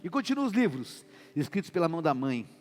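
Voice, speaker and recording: A man, preaching a sermon as pastor and acting out what husbands and wives say in lively voices. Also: fairly high pitch, fast. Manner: animated preaching, acts out quoted wife and husband voices. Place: church. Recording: reverberant church hall with music behind.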